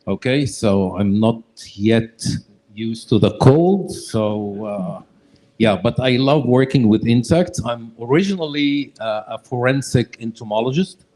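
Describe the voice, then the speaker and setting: A visiting entomologist from Egypt explains his work in casual talk at a discussion event, often opening with "okay, so" and using non-native phrasing. His voice is medium-pitched and dark, with lively intonation and a slightly slow pace. The audio is poor.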